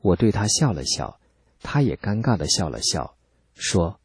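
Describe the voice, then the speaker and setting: A man calmly reading a first-person account as scripted narration, measured and steady. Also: sits low, husky, dry recording. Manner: calm, measured storytelling.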